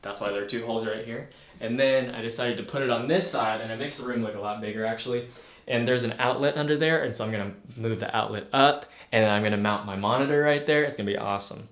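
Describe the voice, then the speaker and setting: A man's voice: medium pitch, fast, fairly bright tone. A young man giving a laid-back, joking tour of his rooms to viewers in a casual vlog, indoors. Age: young adult. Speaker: vlogger.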